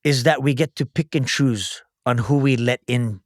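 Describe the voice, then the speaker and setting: A forthright man in his forties with a Hawaiian Pidgin tinge, talking in a casual, emphatic way and peppering his speech with swearing. His voice sits at a middling pitch, and the recording is dry and close, with no room sound. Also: normal speed, no echo. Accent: Hawaiian Pidgin-tinged English. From Oahu, Hawaii. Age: 40s. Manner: blunt, emphatic, profane. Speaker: guest chef and entrepreneur. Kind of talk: casual podcast conversation.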